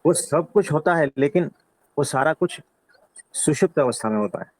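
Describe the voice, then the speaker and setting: A man's voice: on the high side, normal speed, slight background noise, poor audio. A man as a spiritual teacher answering questions in a satsang, explaining patiently and often checking in with his listener. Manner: calm, patient explaining with frequent "है ना?".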